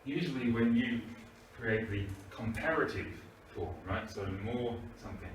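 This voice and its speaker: A man speaking in a mid-range voice at a moderate pace teaches a class English grammar, patiently checking in with "right?" The recording has slight background noise, an echoey room, and a distant microphone.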